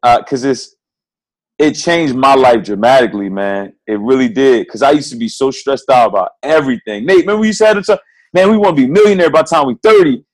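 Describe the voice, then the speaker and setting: A young man in his twenties with a mid-range voice co-hosts a casual podcast. He talks in a heartfelt, motivational way, loose and slangy, urging listeners to slow down and appreciate things. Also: medium pitch, poor audio. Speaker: podcast co-host.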